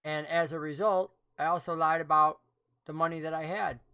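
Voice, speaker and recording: Woman voicing a squeaky little pixie-like gnome. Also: fairly even intonation, normal speed, sharp tone, clear, resonant tone. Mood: confiding. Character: tiny female gnome tinkerer, squeaky pixie-like, frank and friendly.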